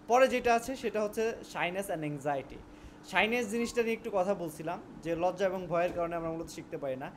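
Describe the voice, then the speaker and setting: A man's voice: high voice, slight background noise. A young Bangladeshi man with a Bangladeshi Bengali accent, teaching a casual spoken lesson and mixing English words into his Bengali, often restarting his words.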